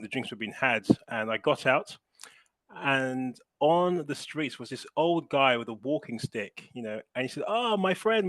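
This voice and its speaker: A man's voice: medium pitch, no room sound. A man from London, a fintech managing director, telling a casual anecdote on a webinar video call, laughing and acting out voices as he goes. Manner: animated storyteller, laughing, acting out quoted voices.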